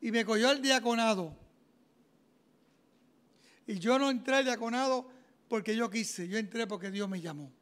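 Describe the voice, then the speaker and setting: High-voiced deacon preaching. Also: male voice, moderate pace, long pauses. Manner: animated storytelling, acting out dialogue. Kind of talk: sermon with personal testimony.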